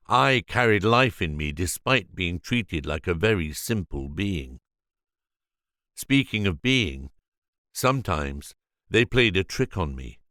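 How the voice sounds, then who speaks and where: A proud, solemn coronavirus speaks of itself in a measured, formal tone, as a man reads it in an audiobook. The voice sits very low. The sound is close and dry, with no room around it. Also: fairly bright tone, no room sound. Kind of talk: audiobook reading.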